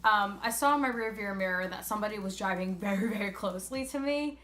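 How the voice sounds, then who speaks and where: Bright-voiced young woman telling a casual storytime. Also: medium pitch, fast talker, soft background music. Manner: animated retelling with quoted dialogue. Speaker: vlogger.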